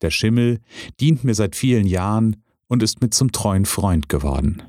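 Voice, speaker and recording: A man voicing a calm, wise old farmer who speaks in a measured, unhurried way. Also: fairly low pitch, no room sound, clean studio sound, lightly acted.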